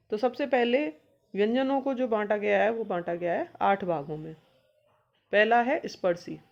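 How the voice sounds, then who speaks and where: A woman teaching an exam-prep grammar lesson, explaining patiently and sounding out each letter slowly. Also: mid-range voice, darkish tone, dull audio.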